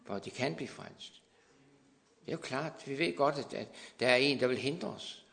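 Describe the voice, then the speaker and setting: A man preaching a charismatic revival sermon, dropping to hushed asides and rising to loud, fervent exclamations while checking in with his congregation. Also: mid-range voice, creaky. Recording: long hall reverb.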